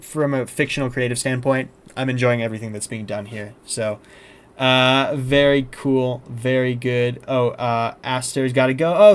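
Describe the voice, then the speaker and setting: A young man talking casually on a live stream, chatty and easygoing as he reads out chat messages between clips. His voice sits at an ordinary middle pitch, spoken into a desk mic at his computer. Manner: chatty, reads chat and script aloud, frequent fillers. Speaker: streamer reacting to horror videos.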